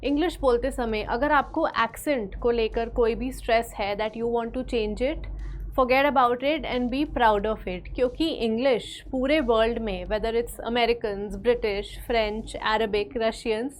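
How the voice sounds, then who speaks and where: A woman from India with an Indian accent gives an English lesson. She has a fairly high voice and an unhurried, deliberate delivery. She moves between Hindi and English as she encourages her viewers. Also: a little hiss or hum. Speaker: English teacher.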